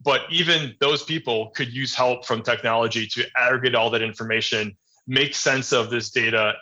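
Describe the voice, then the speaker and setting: A man answering interview questions about healthcare technology in a measured, explanatory way with frequent ums. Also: mid-range voice, fairly even intonation, sharp tone. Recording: dull lo-fi audio.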